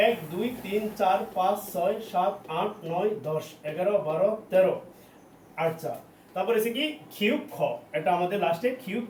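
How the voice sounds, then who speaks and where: Male teacher drilling letters; high voice, echoey classroom. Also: a little hiss or hum. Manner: repeats letter names slowly, drilling. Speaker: language teacher. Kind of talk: classroom lesson. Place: training center classroom. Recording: echoey room, mic at a distance.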